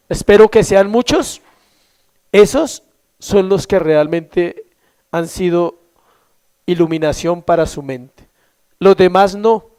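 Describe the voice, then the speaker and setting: A male pastor preaching a sermon, asking the congregation questions and answering them himself, stretching key words slowly for emphasis. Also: sits high, a little mellow, clear, resonant tone.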